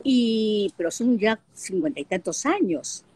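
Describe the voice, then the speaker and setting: An older Peruvian woman speaks as an interview guest, recounting her life in lively stories sprinkled with fillers. Her voice is husky at a medium pitch and comes over a video call. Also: measured pace, no room sound. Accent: Peruvian Spanish. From Peru. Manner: lively storyteller, frequent fillers. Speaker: guest, actress and broadcaster. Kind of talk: casual interview talk.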